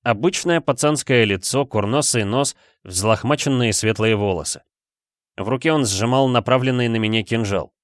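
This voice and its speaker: A man narrates a first-person adventure in a steady storytelling voice of middling pitch. The recording is close and completely dry, with no room sound. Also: normal speed, no echo. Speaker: audiobook narrator.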